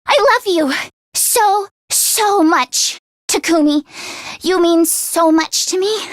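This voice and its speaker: In an English video game, a woman voices an earnest, anxious teenage schoolgirl who is lovestruck. Her delivery is expressive and emotionally heightened, with a very high voice at a slow pace and no room sound.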